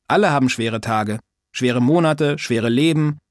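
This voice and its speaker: A man's voice: medium pitch, unhurried, dry recording, studio quality, lightly acted. A man reading an audiobook, voicing an old, talkative, insistent female neighbor in a raised, mock-polite voice. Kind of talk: audiobook character voice.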